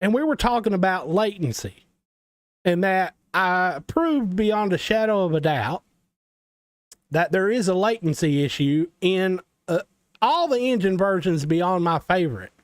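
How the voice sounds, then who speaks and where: A man's voice: sits high, animated, a little slow, no room sound. A man with a Southern US accent hosting a casual game development tutorial stream, rambling and talking straight to his viewers with joking asides. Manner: rambling, talks to viewers, self-deprecating asides.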